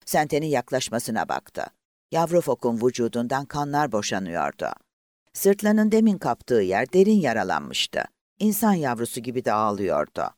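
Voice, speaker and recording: Reading a novel as an audiobook, this man tells the story in a measured yet expressive way from a script. The mid-range voice comes through at studio quality without any echo.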